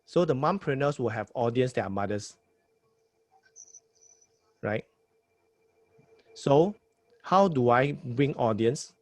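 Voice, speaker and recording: Speaking slowly with frequent pauses, this Singaporean man has a mid-range, darkish voice with lively intonation, captured in a dry recording. He's a podcast host with a Singaporean English accent offering a new host casual advice, emphatic and repetitive, punctuating it with "right?" again and again.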